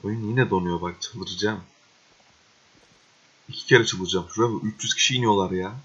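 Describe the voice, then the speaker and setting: A young man talks over his gameplay in a low, husky voice. He swears often, gets exasperated and breaks into excitable outbursts. The recording sounds dull and lo-fi. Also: a little fast. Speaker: gaming video host. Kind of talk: casual gameplay commentary.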